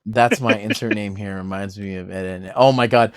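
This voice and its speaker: A man streaming a game, chatting casually, laughing often and rambling in an animated way. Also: fairly low pitch, fairly quick, no echo, studio quality. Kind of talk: casual chat over a game.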